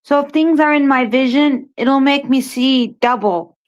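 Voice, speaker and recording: A woman in her mid-forties with a high, bright-sounding voice talks earnestly in a casual chat. She keeps pressing her point with short repeated phrases. Her audio comes through dull and muffled. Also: measured pace. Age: 40s. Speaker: library worker.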